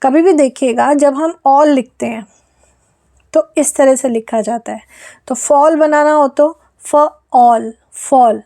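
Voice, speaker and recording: A woman teaching an online phonics lesson, slowly sounding out letters and blends. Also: sits high, creaky, warm tone. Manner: slow, deliberate sounding out of letters.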